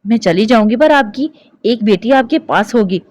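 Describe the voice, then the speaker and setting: Heartbroken young woman, soft and sorrowful, lively pitch; a woman narrator plays her. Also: moderate pace, dry recording, natural voice.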